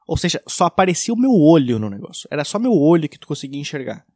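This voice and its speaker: A man's voice: on the high side, big pitch swings, quick pace, a little mellow, no echo, clean studio sound. A man telling a comic story from home in a casual, rambling way, full of restarts and slang. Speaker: video creator telling a story.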